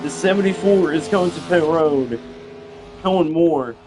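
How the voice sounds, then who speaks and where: This fairly high-pitched young commentator stumbles through calling a simulated stock car race, often repeating himself and starting over. Engine sounds and music play behind him.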